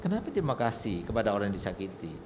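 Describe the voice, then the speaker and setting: A preacher putting on a clever, questioning child. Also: male voice, lowish voice, very animated, very fast, a little mellow. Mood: puzzled. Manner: incredulous, lecturing. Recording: reverberant hall with faint noise.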